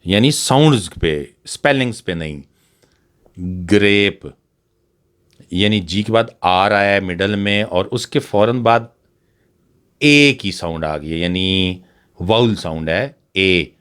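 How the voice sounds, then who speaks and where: A man explains pronunciation rules slowly and carefully, pausing on each example word. His voice sits a little low and sounds smooth and resonant. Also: a bit bright. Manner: patient, repeats example words one by one. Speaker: English teacher. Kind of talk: slow explanatory lesson.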